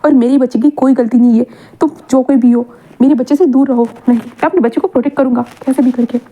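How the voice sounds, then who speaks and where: Woman doing a panicky protective dad, keeps repeating himself, high voice, phone-like sound. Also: fairly even intonation, quick pace. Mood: frantic. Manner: urgent, repetitive. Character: frantic protective father. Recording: tinny phone-like audio.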